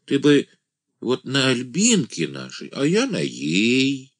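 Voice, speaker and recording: A man voicing a simple-minded village man who calls himself an angel, speaking in a naive, drawn-out singsong. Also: medium pitch, huge pitch swings, no room sound, studio quality, voice pushed up, exaggerated voice. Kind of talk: audiobook character voice.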